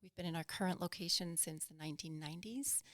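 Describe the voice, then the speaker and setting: A woman from Denmark with a Danish accent touched by northern English, speaking as a podcast guest in an earnest, measured way. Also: lowish voice, dry recording, studio quality. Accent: Danish with a northern English tinge. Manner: measured, earnest, explains plainly. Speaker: guest, executive director of a nonprofit. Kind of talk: podcast interview. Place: small podcast studio. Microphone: studio mic on a boom, with headphones.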